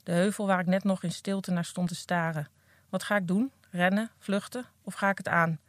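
A woman's voice: fairly low pitch, steady tone, normal speed, no room sound. A woman reading aloud from her own memoir in an earnest, candid first-person voice, recorded close on a podcast mic. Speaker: recovering addict reading from her own book.

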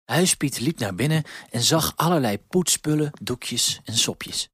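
A man narrating a children's storybook with expressive, clear delivery on a close mic. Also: mid-range voice, measured pace, dry recording.

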